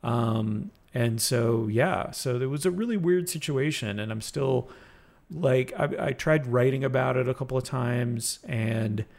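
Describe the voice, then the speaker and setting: A man in casual conversation, telling a personal story in a reflective, halting way with frequent restarts. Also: medium pitch, vocal fry, a little mellow.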